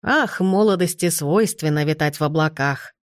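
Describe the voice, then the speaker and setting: A woman's voice: low-pitched, normal speed, no echo, studio quality, lightly acted. A woman voicing a jovial, simple-minded portly older count in an audiobook.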